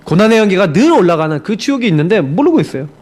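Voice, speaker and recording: A middle-aged man, a pastor, preaching a sermon and telling a personal story, moving between loud outbursts and hushed prayerful lines. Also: sits high, very animated, very fast. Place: church sanctuary.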